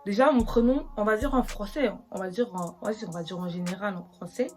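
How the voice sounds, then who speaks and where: Une jeune femme qui parle de façon décontractée et décousue, avec beaucoup d'hésitations et de reprises, en répondant aux questions de son public. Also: female voice, medium pitch, brisk, darkish tone, faint music behind. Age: young adult. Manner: chatty, rambling, full of fillers and restarts. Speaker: vlogger. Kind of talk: casual get-to-know-me vlog.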